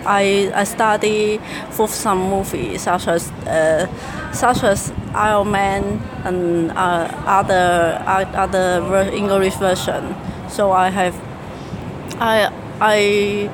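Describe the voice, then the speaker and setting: A woman's voice: medium pitch, steady tone, takes it slowly, background noise. A young woman from mainland China with a Chinese accent answers interview questions in second-language English, hesitantly, repeating and searching for words. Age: young adult. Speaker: university student interviewee.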